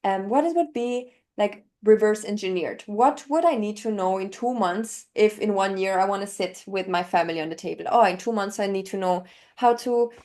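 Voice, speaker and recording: A German-speaking woman in her twenties from Northern Italy coaches on language learning in an interview, eagerly explaining her method step by step with examples. Her mid-range voice is a little mellow and moves at normal speed.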